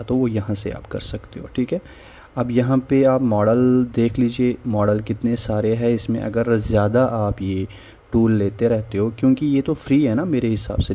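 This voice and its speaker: A man with a warm, medium-pitched voice narrates a screen recording, walking viewers casually through a phone repair tool. As the tutorial's host, he keeps using "theek hai" as a filler between steps.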